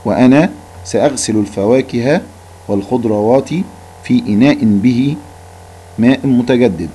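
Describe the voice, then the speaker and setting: A male teacher reading a mother's lines slowly and clearly in a school lesson. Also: medium pitch, dark tone, slight background noise, close to an everyday voice. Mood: calm. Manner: slow, clear reading-aloud delivery. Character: mother in a school reading, calm adult woman.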